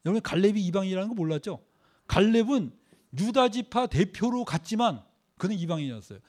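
A man preaching a sermon, quizzing his congregation with rhetorical questions and leading them through scripture readings, swinging between loud emphasis and quiet asides. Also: high-pitched, animated, brisk. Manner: leads group scripture reading. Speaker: pastor.

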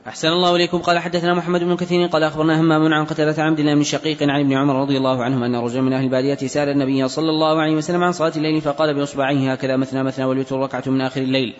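Very fast male reader reciting hadith. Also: on the high side, level tone. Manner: brisk, unbroken recitation of narrator chains. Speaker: student reader. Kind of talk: rapid reading of hadith text. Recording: dull recording with long hall reverb.

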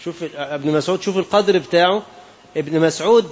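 A man's voice: fairly high pitch, fast talker, lo-fi sound. A man with an Egyptian Arabic accent giving an Islamic sermon, moving between classical quotations and colloquial asides and putting questions to his listeners. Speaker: preacher.

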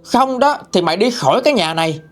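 A man voicing an angry middle-aged father yelling at his son in a spoken ghost story. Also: sits high, expressive, quick pace, faint music behind, voice pushed up. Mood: furious. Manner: yelling, scolding.

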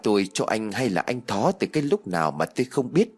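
A man voicing a blunt, hot-tempered young woman in an audio story, with a husky tone. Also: on the low side, sing-song, a little fast, soft background music. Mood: irritated.

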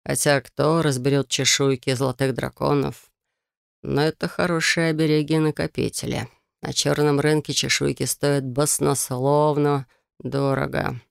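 A reader voicing a kind male magister, a mentor who talks calmly and softly. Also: mid-range voice, moderate pace, gravelly, clean tone, no echo, studio quality. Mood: thoughtful.

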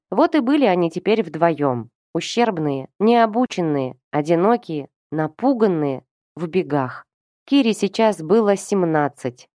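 A woman reading a fantasy novel aloud in steady scripted narration. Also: lowish voice, no room sound, studio quality. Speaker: audiobook narrator.

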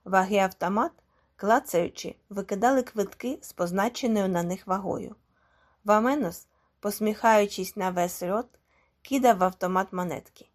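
Woman calmly reading a story. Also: medium pitch, normal speed. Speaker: audiobook reader. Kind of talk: scripted narration.

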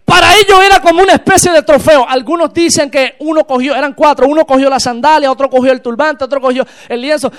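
A man preaching a sermon in church, impassioned and building to shouted exclamations. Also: extremely high pitch, fast talker, hardly any pauses.

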